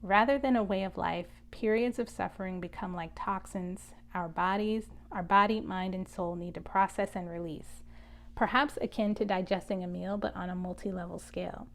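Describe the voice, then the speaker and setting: A woman giving an energy reading, speaking in a measured, contemplative way and leading a guided prayer. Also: medium pitch, steady tone. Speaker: spiritual reader.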